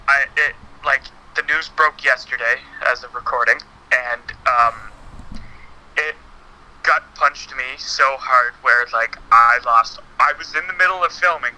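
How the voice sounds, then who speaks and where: Man heard over speakerphone, bright tone. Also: medium pitch, poor audio. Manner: hesitant, halting, many fillers and restarts. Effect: heard over a phone on speakerphone. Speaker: podcast guest. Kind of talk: casual chat about wrestling games.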